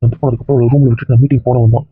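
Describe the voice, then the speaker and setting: Remorseful young husband played by a man, pleading, fast talk, slightly husky, dry close sound. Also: mid-range voice, little pitch movement, no echo, narrow, tinny audio, natural voice. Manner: pleading, apologetic. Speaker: husband in a family drama. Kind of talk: amateur web-series acting.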